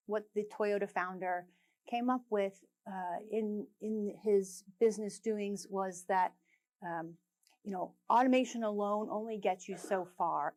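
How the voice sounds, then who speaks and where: Woman giving a relaxed conference talk. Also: mid-range voice. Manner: filler-heavy, relaxed, with light jokes. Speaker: conference presenter. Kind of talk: conference presentation.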